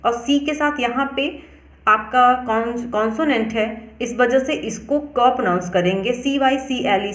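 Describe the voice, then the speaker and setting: A woman teacher walks through pronunciation rules at a measured pace, stopping to spell each word out letter by letter. Her voice sits a little high. The room around her gives it a noticeable echo. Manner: slow, deliberate, spells words out letter by letter. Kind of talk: explanatory lesson.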